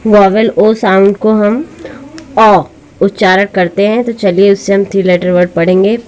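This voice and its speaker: A woman teaching children phonics, slowly sounding out letters and words. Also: mid-range voice, steady tone, darkish tone, faint music behind, low-quality recording.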